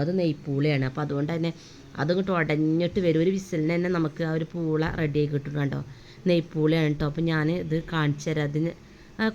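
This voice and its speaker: A young mother talks through her day in a quick, homely, chatty voice-over. Her voice sits low for a woman. A faint room ambience hums underneath. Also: darkish tone, slight background noise. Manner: chatty, homely, with frequent tag words. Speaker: vlogger, mother. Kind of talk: casual day-in-my-life voice-over.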